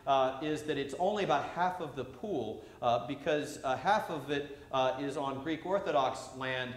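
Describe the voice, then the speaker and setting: A man, a priest, preaches a sermon into a pulpit microphone in a church, halting often with "uh" fillers. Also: medium pitch. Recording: echoey church sound with faint hum.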